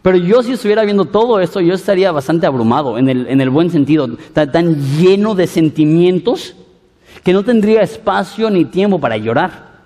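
A man preaching a Bible-teaching sermon in an expressive way, often stumbling and restarting words. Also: high voice, brisk, big-room sound. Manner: expressive, with frequent stutters and restarts.

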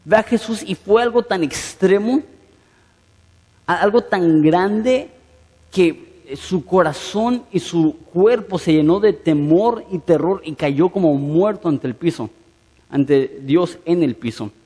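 A man's voice: sits high, slow, darkish tone, slightly rough. A man preaching a sermon in an earnest way, asking his listeners direct questions. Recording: long hall reverb.

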